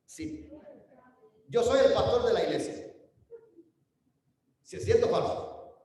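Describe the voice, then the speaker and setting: A man's voice: high-pitched, animated, slow pace, a little mellow. A man with a Mexican accent preaching a sermon as pastor, chatty and often asking the congregation questions. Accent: Mexican Spanish. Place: church sanctuary. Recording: very echoey hall from far off.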